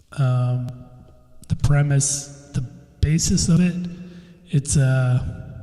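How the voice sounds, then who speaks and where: A man's voice: mid-range voice, dark tone. A man hosting a casual solo podcast, rambling and self-mocking, mumbling his words and swearing freely. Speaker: podcast host. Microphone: desk microphone. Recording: echoey room with long reverb.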